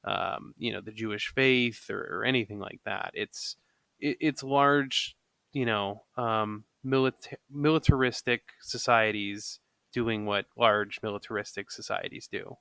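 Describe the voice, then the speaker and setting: A man's voice: on the low side, fairly even intonation, unhurried, gravelly, a bit bright, smooth, no room sound. A man chatting on a podcast, talkative and full of fillers. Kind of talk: casual podcast conversation.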